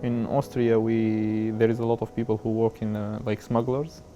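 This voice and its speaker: A man, talking haltingly in a documentary interview. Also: on the low side, flat delivery, dark tone, lo-fi sound, faint music behind. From Syria. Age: 20s. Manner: halting, searching for words with many fillers.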